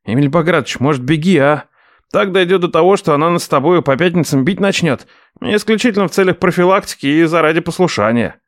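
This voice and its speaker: A man's voice: a little high, lively intonation, fast talker, no room sound, studio quality, pitched above the performer's own voice, close to an everyday voice. A man doing a whiny wisecracking young man.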